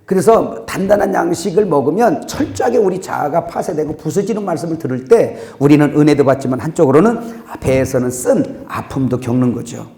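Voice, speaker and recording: A man preaching a sermon as pastor, swinging between loud outbursts and quiet asides, laughing at his own jokes. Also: fairly high pitch, expressive, brisk, vocal fry, hardly any pauses, roomy sound.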